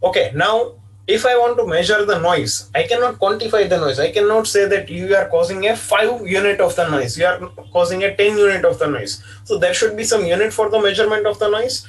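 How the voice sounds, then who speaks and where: High-voiced lecturer, distant mic. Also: male voice, a little fast. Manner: repetitive, explanatory, frequent "okay" fillers. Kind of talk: online lecture.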